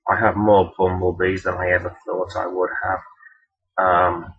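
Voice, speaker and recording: A man's voice: deep voice, completely flat delivery, measured pace, slightly rough. A man giving a casual, rambling toy review in a hesitant, self-deprecating, blunt and sweary way. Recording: dull, lo-fi sound.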